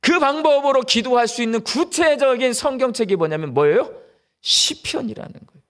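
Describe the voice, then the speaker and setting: A middle-aged man preaching a sermon in church, animated and firing rhetorical questions at the congregation. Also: extremely high pitch, normal speed. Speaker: pastor. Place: church during a live service.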